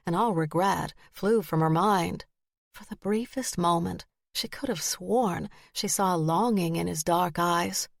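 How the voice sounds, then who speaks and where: A woman narrates a historical romance with expressive, storytelling warmth, her voice sitting on the low side. She acts out the characters' lines. The recording is dry and close. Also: no echo. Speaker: audiobook narrator.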